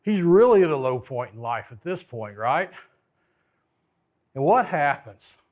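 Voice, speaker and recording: A man's voice: on the high side, very animated, a little slow, a little mellow. A man preaching a storytelling sermon in a folksy way, with joking asides.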